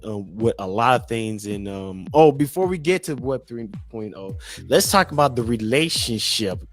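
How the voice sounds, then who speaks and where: A man in his thirties hosting a casual solo talk show, rambling with many fillers and self-corrections. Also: medium pitch. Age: 30s. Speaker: podcast host.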